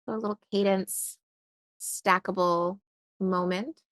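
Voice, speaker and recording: A woman's voice: mid-range voice, steady tone, slow pace, no echo. A young woman chatting casually while unboxing stationery and thinking aloud with lots of fillers. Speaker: stationery vlogger.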